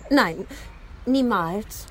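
A woman reading the part of Alice, a polite and timid young girl, softly and slowly on an outdoor park bench. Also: medium pitch, lively intonation, pitched below the performer's own voice, exaggerated voice. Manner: soft, slow and hesitant.

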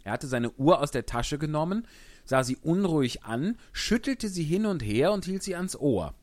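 A man's voice: fairly high pitch, sing-song, moderate pace, a little mellow, dry recording. A man narrating a storybook in scripted audiobook style.

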